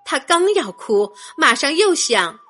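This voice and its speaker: A woman telling a story to children in a gentle, expressive way, addressing them directly as the host of her storytelling channel. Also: high-pitched, a little slow, soft background music.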